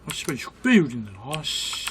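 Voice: mid-range voice, sing-song, normal speed, slight background noise. A gamer giving casual, insistent commentary to a friend during play, bossing them around and swearing freely. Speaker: gaming video creator playing a battle royale game.

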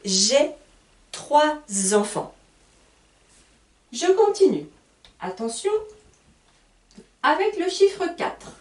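Slow, lively-voiced teacher woman. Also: high voice. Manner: spells words letter by letter and repeats examples. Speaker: French teacher. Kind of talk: slow, careful lesson for beginners. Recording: roomy sound, voice a bit far from the mic.

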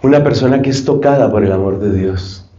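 Man preaching a sermon, vivid storyteller, mid-pitched voice, roomy room, dull sound. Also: fairly quick. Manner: lively storytelling, acts out dialogues. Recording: roomy, slightly dull recording.

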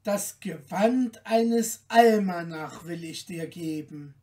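A loving queen blesses her daughter in a calm, tender voice, as a male storyteller puts her on. She speaks slowly and softly, a little away from the microphone. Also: high voice, distant mic. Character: gentle loving queen mother.

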